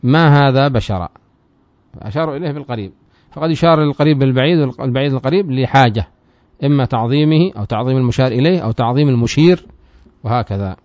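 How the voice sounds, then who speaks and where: A man teaching a lesson on a classical grammar text. He reads passages aloud, explains them and puts quick questions to his students. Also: medium pitch, a little mellow, no echo. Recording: slightly dull, dry sound.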